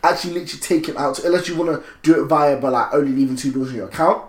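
Fast-talking young London man, echoey room. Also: fairly high pitch, over a noisy crowd. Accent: London, multicultural urban slang. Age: 20s. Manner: slangy, animated, repeats phrases. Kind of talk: casual chat.

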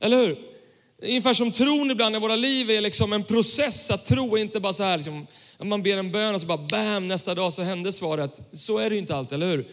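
High-voiced young pastor in reverberant church. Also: male voice. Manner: relaxed, slangy, conversational preaching. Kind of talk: casual sermon with Bible reading. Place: church hall. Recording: church hall with long reverb.

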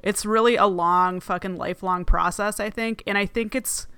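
A woman's voice: mid-range voice, steady tone, normal speed, pushed and bright, clean tone, no echo. A woman with a Midwestern accent co-hosting a casual podcast, filling her talk with "like" and the odd swear word. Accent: Midwestern American. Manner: casual, says "like" a lot, swears. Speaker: podcast co-host.

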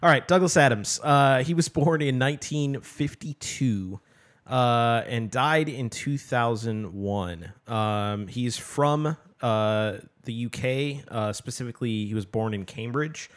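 A man's voice: medium pitch, slow pace. Rambling man co-hosting a book podcast. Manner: rambling, many fillers and restarts. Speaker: podcast co-host. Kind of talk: casual book podcast chat.

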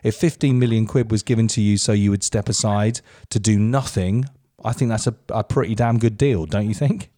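A man's voice: on the low side, fairly quick, few pauses, mellow. A man hosting a podcast, leading the chat with long, rambling questions. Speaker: podcast host.

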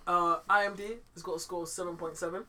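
A young man with a London roadman accent co-hosts a casual film chat. His voice is high and bright, and he talks fast and animatedly, full of street slang. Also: flat delivery. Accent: London, urban street slang delivery. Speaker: podcast co-host.

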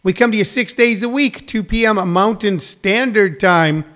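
A man hosting a live comedy show, announcing it like a ringmaster with drawn-out, showy words. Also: high-pitched, a bit bright. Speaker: host of a daily live streamed comedy radio show. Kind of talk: show introduction addressed to the audience.

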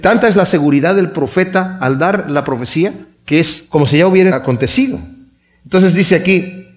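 Animated Spanish-speaking preacher, higher-pitched man. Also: a little fast. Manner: conversational preaching, frequent "¿verdad?" asides and repetitions; animated, with wide swings in pitch and loudness. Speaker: pastor. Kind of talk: sermon.

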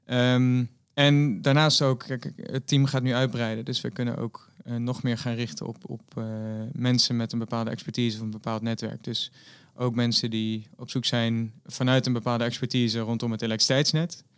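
A man, the founder and CEO of a company, answering interview questions earnestly with frequent pauses. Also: medium pitch, flat delivery, smooth, no echo, clean studio sound. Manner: earnest, lots of filler pauses.

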